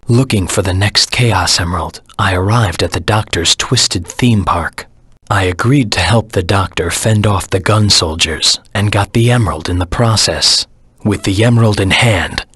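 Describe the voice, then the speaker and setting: A man voicing a brooding, stern hedgehog antihero in a video game, with a raspy, serious, clipped delivery. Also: fairly bright tone, no echo, exaggerated voice. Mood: focused, determined. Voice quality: raspy, gravelly low voice. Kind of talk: scripted video game character lines, mission recaps.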